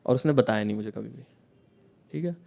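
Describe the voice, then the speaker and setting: A man's voice: mid-range voice, brisk, vocal fry, mellow. A young man from India telling a story as a stand-up comedian, chatting with the crowd and acting out scenes as he goes. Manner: chatty, keeps checking in with the crowd, acts out scenes. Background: audience laughter.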